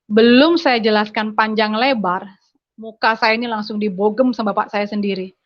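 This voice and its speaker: A woman's voice: medium pitch, steady tone, moderate pace. Woman giving an emotional dramatic testimony. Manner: dramatic storyteller, addresses listeners directly. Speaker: speaker giving a religious testimony. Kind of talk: personal conversion testimony to an audience. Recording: dry, slightly dull recording.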